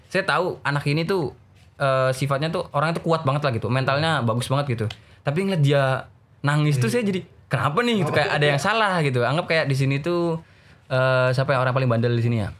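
A young man who teaches at a religious boarding school, telling a story in casual chat and acting out his students' voices. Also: fast talker. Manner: animated, acts out voices of students in a raised pitch.

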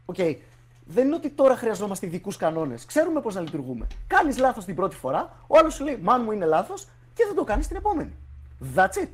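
A husky-voiced man talks in a casual podcast chat. His pitch swings widely as he argues his point with lively energy, dropping slang as he goes. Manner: animated, argumentative, mixes in English slang.

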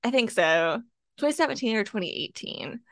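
A woman's voice: a little high, animated, fairly quick, fairly bright tone, no echo, studio quality. A woman chatting casually about a book with a friend over a video call, full of "like" and "kinda". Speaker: podcast co-host. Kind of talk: casual book club chat. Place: home, with her cat nearby.

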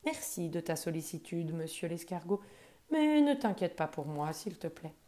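A woman voicing a kind old male buffalo in a children's storybook, speaking modestly and softly. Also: on the low side, moderate pace, lightly acted. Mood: gentle. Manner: modest, soft-spoken.

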